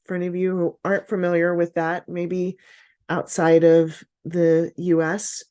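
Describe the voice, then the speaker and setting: A woman's voice: lowish voice, completely flat delivery, measured pace, warm tone, clear, resonant tone. A woman in her fifties, a business coach hosting an online workshop on a video call, upbeat and encouraging. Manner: upbeat, encouraging, frequent praise.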